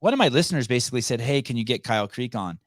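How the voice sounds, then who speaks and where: Hosting a laid-back podcast chat from home in California, this native Armenian speaker rambles, keeps restarting his sentences, and curses without hesitation. He sounds animated and racing in a mid-range voice, captured dry at studio quality.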